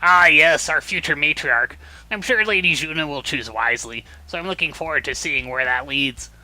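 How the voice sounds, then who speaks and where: A man's voice: on the high side, normal speed, bright, forceful tone, poor audio. A man doing a nerd voice for a polite young man with glasses in a game. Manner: nerdy, prim.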